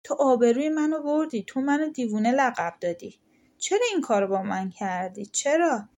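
A woman's voice: fairly high pitch, animated, darkish tone, natural voice. A woman voicing a stubborn, chatty peasant wife who insists on her story in a folktale audiobook. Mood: hurt. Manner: indignant, insistent. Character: talkative stubborn peasant wife, hot-tempered.

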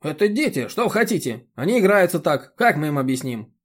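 A man reading an audiobook, voicing a short, stout, rude elderly village chairwoman who scolds and yells. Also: sing-song, brisk. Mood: scolding. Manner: shrill scolding, yelling.

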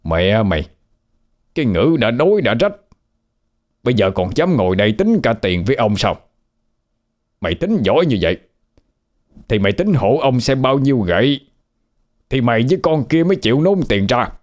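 A man voicing a brutal, greedy old village chief who snarls and shouts threats, in a storytelling recording. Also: medium pitch, sing-song, normal speed, long pauses, voice pushed up, natural voice. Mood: menacing.

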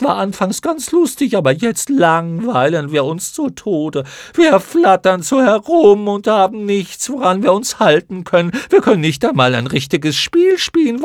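A shrill, jeering swarm of moth creatures. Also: male voice, dry recording, studio quality. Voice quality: shrill, screeching. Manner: mocking, rowdy chorus. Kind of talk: audiobook character voice.

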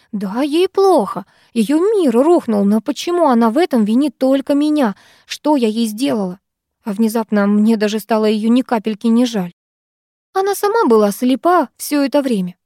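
A woman narrating a first-person audiobook in an expressive, emotional way. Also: fairly high pitch, normal speed, dry recording, studio quality.

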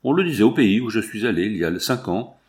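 A man's voice: on the low side, expressive, quick pace, a little mellow, lightly acted. A man voicing a talkative young working-class mechanic with folksy, exclamatory slang. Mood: hearty.

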